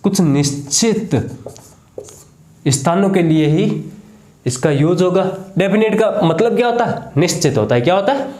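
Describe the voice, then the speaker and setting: A man's voice: high-pitched, animated, unhurried, darkish tone, echoey room. A man teaching a grammar lesson in a Hindi accent. He asks the class a question and then repeats the answer.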